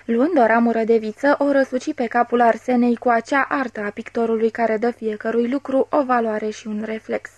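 A woman reading a classic novel aloud as an audiobook narrator, measured and expressive, voicing the dialogue. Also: a little high, dry recording. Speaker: audiobook reader.

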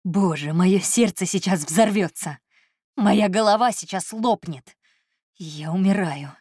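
A woman's voice: medium pitch, unhurried, husky, dry recording, clean studio sound. Woman doing an agitated, feverish man. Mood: angry. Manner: complaining, shouting, dramatic. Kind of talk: audiobook character voice.

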